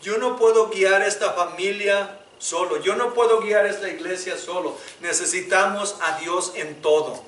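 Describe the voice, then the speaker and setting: A man preaching a sermon as pastor, moving between loud appeals and hushed prayer. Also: sits high, a little slow, hardly any pauses. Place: church sanctuary. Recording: echoey church room, mic at a distance.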